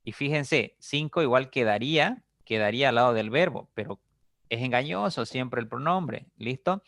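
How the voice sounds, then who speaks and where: A man's voice: medium pitch, lively intonation, moderate pace, a bit bright, no echo, studio quality. A man teaching a recorded grammar lesson, explaining patiently, repeating examples and checking in with frequent short questions to his students.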